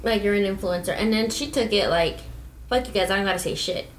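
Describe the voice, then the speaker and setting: A woman's voice: mid-range voice, fast talker, echoey room, a little hiss or hum, low-quality recording. Chatty opinionated woman in her twenties. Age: 20s. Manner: chatty, opinionated, many "like" fillers. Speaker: podcast co-host. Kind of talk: casual podcast chat. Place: at home.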